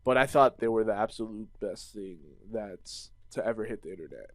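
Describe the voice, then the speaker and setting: A man's voice: fairly low pitch, normal speed, no room sound, studio quality. Young man rambling over gameplay. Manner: rambling, restarts sentences, animated storytelling. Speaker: gaming vlogger. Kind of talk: casual commentary while playing a game.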